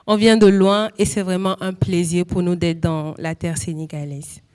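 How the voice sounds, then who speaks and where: Woman acting cheeky affectionate little sister doing a casual family speech in a drama, lower-ish voice. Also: little pitch movement, moderate pace, darkish tone, clean tone, faint music behind, close to an everyday voice. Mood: playful, grateful. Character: playful, affectionate favourite younger sister.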